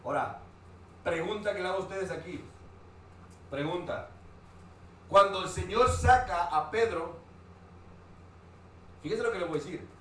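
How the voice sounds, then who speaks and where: A man's voice: high-pitched, normal speed, pauses often, a bit bright, distant mic. A man preaching a sermon, asking the congregation questions as he goes. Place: church hall. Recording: very echoey church hall, faint noise.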